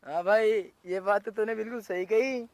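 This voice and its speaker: A high-voiced taunting village sidekick. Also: male voice, moderate pace. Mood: mocking. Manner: echoing taunts. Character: young village man, mocking sidekick.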